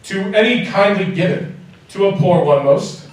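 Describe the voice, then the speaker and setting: An actor playing a commanding, jovial giant Christmas ghost in a live radio drama, with booming, declamatory delivery. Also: male voice, normal speed, lightly acted. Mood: solemn, stern. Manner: booming, declamatory stage projection. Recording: very echoey hall, distant mic.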